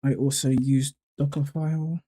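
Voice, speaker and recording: Man, deep dark tone, relaxed tutorial narrator who thinks aloud. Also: normal speed. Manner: relaxed, thinking aloud with fillers and self-corrections. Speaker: YouTuber walking through a code editor setup. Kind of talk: casual screen-recording tutorial.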